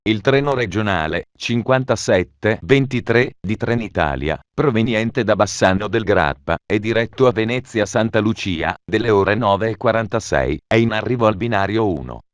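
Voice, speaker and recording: A man's voice making automated train station announcements, formal and measured, with phrases stitched together. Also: lowish voice, expressive, no room sound.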